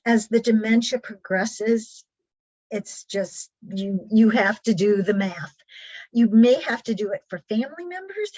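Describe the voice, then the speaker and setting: A woman's voice: mid-range voice, highs cut off. A woman presenting a caregiver training workshop, talking patiently and earnestly with frequent ums and restarts.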